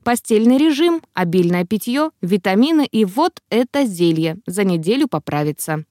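A poised female healer, brisk and matter-of-fact, pitched a little above the reader's usual voice, as a woman reads her in an audiobook. The sound is close and dry, with no room around it. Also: expressive, mellow, no echo, natural voice. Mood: businesslike. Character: composed, businesslike female healer. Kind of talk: audiobook character reading.

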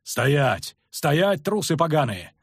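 A man's voice: on the high side, sing-song, takes it slowly, husky, no echo, clean studio sound, pitched above the performer's own voice, heavily acted. A man voicing a young male knight who barks orders and roars curses at fleeing soldiers, in an audiobook. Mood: roaring. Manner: barking orders, roaring curses.

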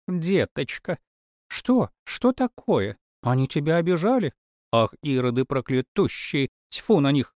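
A man voicing a plump, fussy old nanny who dotes and laments loudly. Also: fairly high pitch, big pitch swings, a little slow, no echo, clean studio sound, voice pushed up. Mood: wailing. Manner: wailing, doting, scolding.

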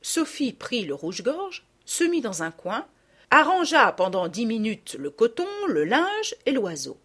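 A woman narrating a children's storybook in a lively, expressive reading. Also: fairly high pitch, measured pace, breathy edge.

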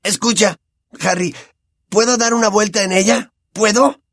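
A man voicing an excitable, impatient teenage boy in an audiobook, eager and boisterous. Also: sits high, moderate pace, no room sound, pitched above the performer's own voice.

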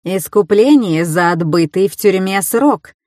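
A woman voicing a calm, menacing young masked man. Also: mid-range voice, unhurried, no echo, studio quality, natural voice. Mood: cold. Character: cold, controlled young masked man, Kai.

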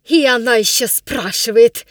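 A woman's voice: a little high, a little slow, no echo, clean studio sound, lightly acted. A woman voicing a furious middle-aged governess who shrieks accusations in a storybook reading. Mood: shrieking.

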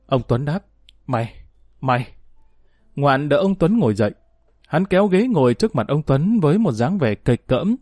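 A man's voice: fairly high pitch, moderate pace, no room sound, studio quality. Man narrating a crime story. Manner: steady dramatic reading.

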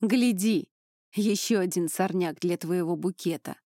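A woman reading an audiobook, voicing a timid young man who speaks quietly and nervously. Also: lowish voice, unhurried, no echo, studio quality, lightly acted. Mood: uneasy. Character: timid young male friend.

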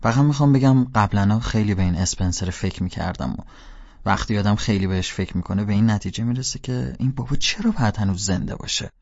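Low-voiced man narrating an audiobook. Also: a little mellow, no room sound, dull audio. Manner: casual, slangy teenage storytelling. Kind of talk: first-person audiobook narration.

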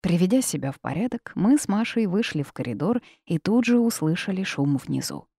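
A woman narrating a first-person audiobook in a lively, ironic manner. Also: lowish voice, brisk, dry recording, studio quality.

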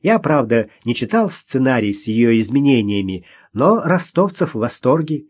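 A man voicing a gentle young screenwriter who speaks softly to calm a quarrel in an audiobook. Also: mid-range voice, normal speed, breathy edge. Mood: placating. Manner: soft, soothing, conciliatory. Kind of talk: audiobook character voice.

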